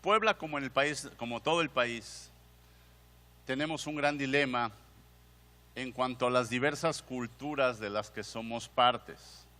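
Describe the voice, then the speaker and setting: A man's voice: mid-range voice, a little slow, bright, forceful tone. A man with a Mexican Spanish accent gives a conversational conference talk, putting questions to the audience and often restarting his phrases. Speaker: museum director giving a conference talk. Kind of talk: conference lecture. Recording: long hall reverb.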